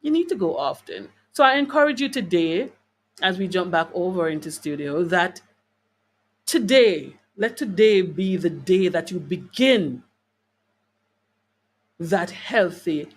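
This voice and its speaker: Animated and measured, with long pauses, this woman has a fairly low pitch and a breathy edge. She runs a live wellness talk for viewers online, reading their comments aloud, her style emphatic and preacher-like with repeated phrases and conversational rhetorical questions.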